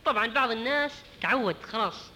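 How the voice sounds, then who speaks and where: A man teaching a religious lesson, his high voice quick and bright. He stops to sound out words slowly and carefully. The sound rings with the long reverb of a hall. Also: lively intonation, a little hiss or hum. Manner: explanatory, demonstrating pronunciation slowly. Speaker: preacher.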